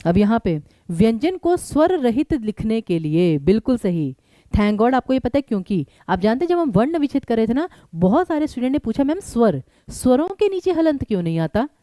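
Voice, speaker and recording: A woman teacher, leading a live online exam-prep class and talking straight to her students in an animated way. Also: a little high, fairly quick, dry recording. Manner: animated, addresses students directly.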